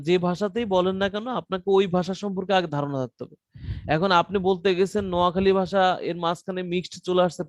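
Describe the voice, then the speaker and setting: A man teaching an online class in a loose, conversational way, often pausing to rephrase. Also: sits high, no echo. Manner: conversational teaching with frequent fillers and restarts. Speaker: content writing trainer.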